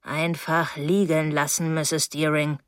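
A woman voicing a moody, stubborn young man who answers curtly in a lowered voice. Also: little pitch movement, slow pace, clear, resonant tone, no room sound, clean studio sound. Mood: sulky.

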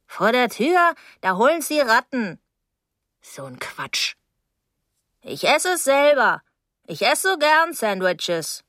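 Lady reading as a fussy old landlady, high and puffing, slow and nagging, dry sound. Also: sing-song, fairly bright tone, no echo, heavily acted. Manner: nagging, scolding, out of breath. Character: nosy breathless old landlady with heart trouble.

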